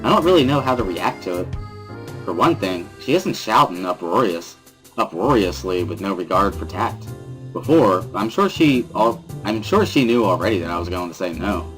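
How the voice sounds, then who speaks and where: This low-voiced amateur narrator reads a visual novel dramatically in the first person, sing-song and a bit bright at a moderate pace. The recording is low quality, with instrumental music prominent underneath.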